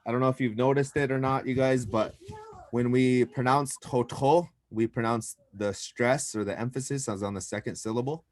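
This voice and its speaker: A man's voice: medium pitch, steady tone, normal speed, no echo. A man teaching a language class, patiently explaining pronunciation step by step.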